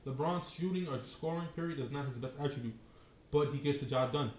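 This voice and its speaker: Halting, insistent man in an echoey room. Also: on the high side. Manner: halting, stumbles and restarts, insistent. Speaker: podcast co-host. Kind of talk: casual sports debate. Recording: echoey room with faint noise.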